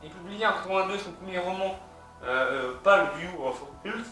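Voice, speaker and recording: A culture video host with a French accent gives a halting lecture from notes, full of hesitations and restarts, and reads out web addresses. His voice sits high, bright and forceful, but he's off-mic in a very echoey room with faint music behind.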